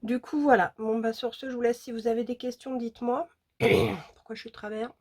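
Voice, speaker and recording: A woman's voice: on the high side, fairly even intonation, fairly quick, darkish tone. A woman beauty vlogger chatting casually and enthusiastically to her viewers about makeup, with lots of fillers. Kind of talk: casual makeup vlog chat.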